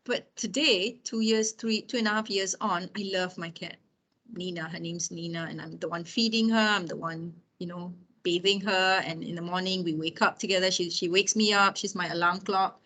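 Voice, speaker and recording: A woman in her fifties gives an informal lecture sprinkled with personal anecdotes, speaking conversationally and frequently checking in with her listeners. Her voice is lowish and sharp, steady in tone, at a normal speed.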